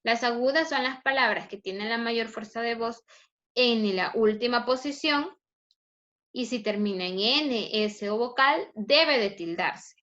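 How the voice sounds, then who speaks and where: A woman teacher giving a review lesson, speaking slowly and stretching words out syllable by syllable, asking the class questions and answering them herself. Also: on the high side, a bit bright, dull audio. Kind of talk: recorded review lesson over screen slides.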